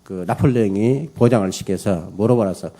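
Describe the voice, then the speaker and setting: During a Sunday morning church service, a male pastor with a warm, lowish voice preaches emphatically at a brisk pace, calling for amens and telling a story full of fillers.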